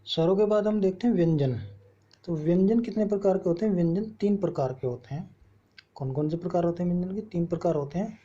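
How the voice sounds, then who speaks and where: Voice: medium pitch, warm tone, lo-fi sound. A teacher giving a grammar lesson, who asks questions and answers them himself and spells out letters one at a time. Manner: explains step by step with questions and answers.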